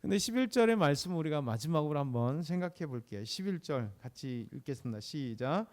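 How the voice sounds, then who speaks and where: Man preaching in a chatty higher voice. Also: expressive, a little fast, darkish tone. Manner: conversational preaching with rhetorical questions to the congregation. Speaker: pastor. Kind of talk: sermon.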